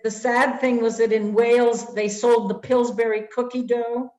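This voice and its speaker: A woman's voice: fairly high pitch, flat delivery, normal speed, darkish tone. Older woman hosting a roomy chat. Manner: chatty and reminiscing, with frequent fillers. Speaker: host and voice teacher. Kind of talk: conversational interview.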